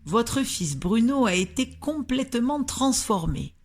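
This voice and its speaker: A woman voicing an old grandmother who speaks patiently and deliberately. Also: a little high, very animated, pitched above the performer's own voice, full character voice. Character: old grandmother, calm and firm.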